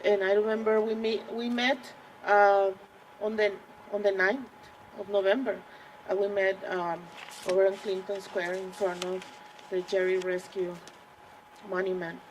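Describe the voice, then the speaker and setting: A woman in her forties with a Mexican accent, giving an earnest rally speech as a community organizer, pausing often with fillers. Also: medium pitch, flat delivery, slight background noise, rough recording. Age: 40s. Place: outdoors at a public rally.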